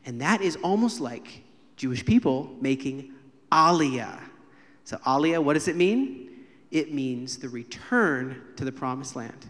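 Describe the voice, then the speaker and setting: A man's voice: medium pitch, measured pace. A man from the United States preaching a sermon at a live church service, telling stories and acting out the people he quotes. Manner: animated, acts out quoted voices and jokes with the congregation. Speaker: guest preacher. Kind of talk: sermon with storytelling. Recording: long hall reverb in church.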